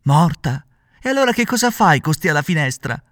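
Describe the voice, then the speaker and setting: A man voicing a frightened wooden puppet boy, crying out high and pleading in a storybook reading. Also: sing-song, fairly quick, fairly bright tone, dry recording, clean studio sound.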